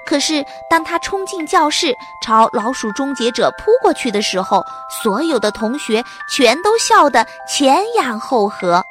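Animated woman telling a children's story. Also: high-pitched, unhurried, few pauses, music in the background. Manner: expressive, animated.

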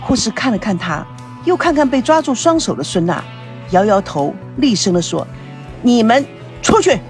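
A woman narrating a dramatic story in an expressive, animated reading. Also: mid-range voice, normal speed, soft background music.

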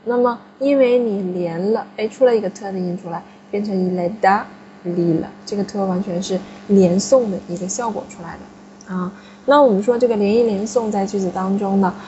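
Woman, classroom teacher, patient explainer, mellow tone, lo-fi sound. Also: medium pitch, slight background noise. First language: Chinese. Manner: patient, explanatory, frequent tag questions. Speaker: French teacher. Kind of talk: classroom lesson.

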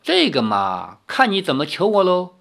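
A reader voicing a proud, sharp-tongued young swordswoman in an audiobook of a novel, mocking and quick to take offense. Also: mid-range voice, very animated, breathy edge. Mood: haughty. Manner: quick-tempered, mocking and sulky. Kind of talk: audiobook reading.

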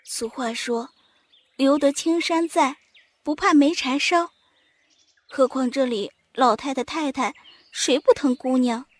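A devoted young maidservant speaks in a high, gentle, soothing voice, fussing over her sick mistress, acted by a man reading the story. She sounds tender and attentive, with a storyteller's clarity. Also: a little slow. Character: caring young maid, gentle and worried.

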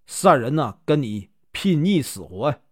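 A man voicing a hot-tempered male Taoist priest in a told folk tale, speaking indignantly and shouting. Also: medium pitch, very animated, a little slow, no room sound, studio quality.

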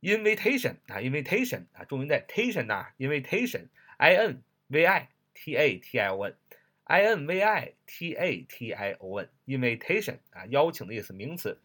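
A man teaching an English writing lesson, explaining a phrase, spelling words letter by letter and repeating them slowly. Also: medium pitch, sing-song, sharp tone. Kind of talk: lively recorded lesson.

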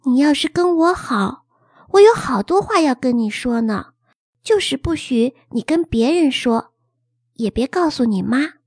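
A woman voicing a secretive, shy young girl who speaks in a hushed, hesitant and lower tone in a storybook reading. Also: lively intonation, unhurried, slightly rough, no echo, studio quality, heavily acted. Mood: confiding. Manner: hushed, hesitant, low confiding tone.

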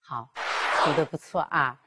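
A woman leads a pronunciation lesson with a lowish, even voice. She explains slowly and clearly, then sounds out example words one at a time. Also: background noise. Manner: clear, measured, demonstrating tones. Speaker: Mandarin pronunciation teacher. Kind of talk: classroom lesson.

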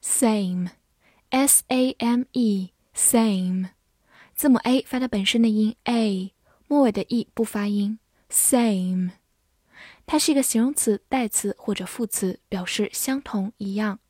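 A woman teaching English vocabulary, spelling words letter by letter and modelling slow repetitions. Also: mid-range voice, darkish tone, no echo, clean studio sound. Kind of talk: vocabulary lesson, spelling and slow read-alouds.

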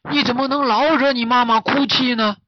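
A man's voice: high voice, animated, normal speed, dry recording, dull audio, voice pushed up. A man voicing a kindly martial arts master in a storybook, given to exclamations. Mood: exclaiming.

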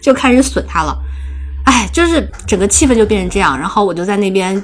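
A young woman co-hosting a casual chat show, telling a story with lively energy and frequent laughter. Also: medium pitch, quick pace. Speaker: podcast co-host.

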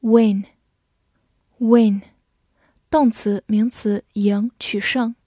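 Female vocab teacher, very slow, mellow tone, word-drill delivery, dry close sound. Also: on the high side, steady tone, no echo. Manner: repeats each English word twice, then clipped Chinese glosses.

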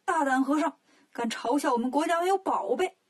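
A woman's voice: high voice, lively intonation, brisk. A woman playing a blustering storybook king. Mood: angry. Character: short-tempered male king.

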